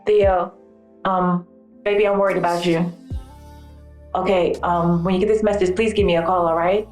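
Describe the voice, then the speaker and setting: A worried wife's voicemail plays back, slightly low for a woman and halting with nervous fillers. It sounds distant in a roomy space, with faint music underneath. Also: flat delivery, darkish tone. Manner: anxious, halting, with hesitant fillers. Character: worried wife leaving voicemails for missing husband.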